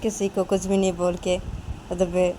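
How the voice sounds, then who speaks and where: A woman's voice: fairly low pitch, monotone, unhurried, background noise. Woman casually narrating a story. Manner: repetitive, plain retelling.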